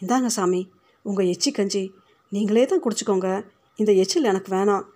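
Fierce poor mom in a story, woman reading, angry, sharp, talks back hard. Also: mid-range voice, a little fast, lightly acted. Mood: furious. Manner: angry and defiant. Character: poor working mother, proud and fierce.

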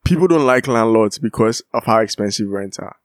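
A young man jokes and teases his way through a podcast chat, often giggling. His voice sits on the low side. The recording is dry and close. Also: expressive, brisk, no room sound. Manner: joking, teasing, giggly. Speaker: podcast co-host. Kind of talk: casual chat.

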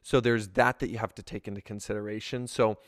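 A man's voice: lowish voice, fairly even intonation, fairly quick, dry recording, clean studio sound. A man co-hosting a casual podcast, laid-back and thoughtful, often searching for his words. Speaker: podcast co-host.

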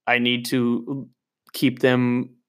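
Male podcast host, comic rant, bright pushy voice, profane and exasperated. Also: medium pitch, monotone, drawn-out words. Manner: heavy sighs, rhetorical questions to the audience.

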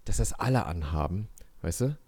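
Lively low-voiced man chatting casually. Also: moderate pace, slightly rough, no echo. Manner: rambling, animated, laughs often. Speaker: podcast co-host, comedian. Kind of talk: casual chat.

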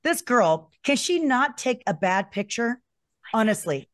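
Excitable, playful woman co-host, fairly high voice. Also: measured pace, no room sound, studio quality. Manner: excitable, playful, repeats herself, slangy. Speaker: podcast co-host. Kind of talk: casual chat.

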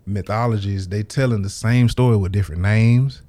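Low-ish voiced guy, rambling laid-back podcast talk. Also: moderate pace, dark tone. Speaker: podcast host. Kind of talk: casual conversation.

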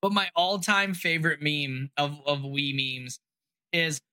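A man's voice: a little high, measured pace, sharp tone, smooth. A young man co-hosting a podcast in casual chat, crude and profane, often breaking into laughter. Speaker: podcast co-host.

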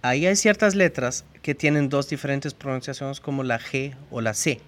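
A language teacher slowly and carefully demonstrates sounds and spelling while explaining pronunciation to learners. He has a mid-range voice with lively intonation and a fairly bright tone.

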